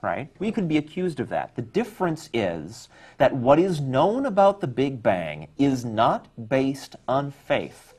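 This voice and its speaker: Animated, insistent male co-host. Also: mid-range voice, slightly rough. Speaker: talk show co-host. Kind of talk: live call-in debate.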